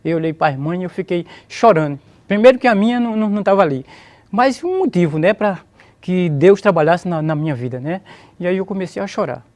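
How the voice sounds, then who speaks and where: Speaking quickly in a high, expressive voice with a darkish tone, this Brazilian interviewee shares an emotional testimony of his religious conversion. He repeats phrases and praises God throughout.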